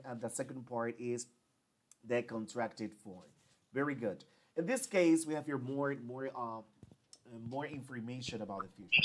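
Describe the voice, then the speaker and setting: A man teaching English in an online class, repeating each phrase in English and Spanish and drilling forms slowly. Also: medium pitch, pushed and bright. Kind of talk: online class, bilingual explanation.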